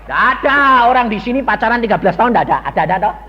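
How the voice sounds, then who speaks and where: A man's voice: high-pitched, lively intonation, racing, slightly rough. An older man preaching a sermon in a folksy, storytelling manner, acting out dialogue and quizzing the congregation. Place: church hall. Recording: lo-fi recording in a reverberant church hall.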